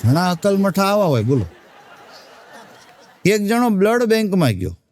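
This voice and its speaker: A man's voice: high voice, very animated, a little slow, a little mellow. A man telling stand-up jokes in a chatty way, with asides to the audience. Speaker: comedian.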